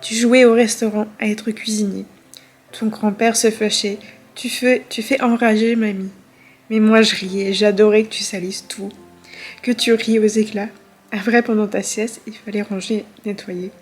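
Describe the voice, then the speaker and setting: A woman's voice: mid-range voice, little pitch movement, normal speed, slightly rough, faint music behind, natural voice. A woman reading aloud in the voice of an elderly grandmother who looks back on her life with grief and tenderness. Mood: tender.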